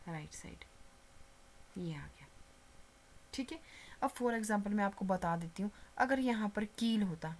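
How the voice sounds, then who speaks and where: A woman's voice: mid-range voice, animated, measured pace, long pauses, a little mellow. A woman shorthand teacher, explaining a lesson step by step, often checking that viewers follow and dropping to near-whispers while writing. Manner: patient, repeats steps with frequent check-ins; mixes English terms into Hindi explanation.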